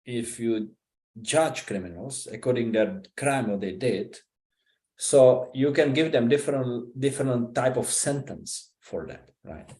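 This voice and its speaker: A man from the Republic, giving an informal scripture talk in a halting, conversational way, often checking in with "right?". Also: mid-range voice, animated, warm tone. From Czech Republic. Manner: conversational, halting, with frequent 'right?' and 'you know?'. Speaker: visiting speaker giving a scripture class. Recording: roomy echo.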